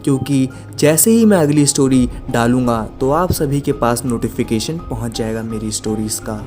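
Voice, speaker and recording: A man's voice: mid-range voice, lively intonation, moderate pace, music in the background. Male horror story narrator. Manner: direct address to listeners.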